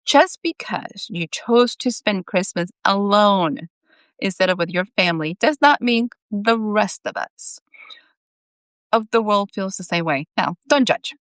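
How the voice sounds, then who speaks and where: A woman reading aloud as Saint Peter, a teasing, sharp-tongued male saint who guides a newcomer. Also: medium pitch, animated, normal speed, few pauses, no room sound, voice pushed up, natural voice. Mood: wry. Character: wry, blunt male saint guiding a newcomer.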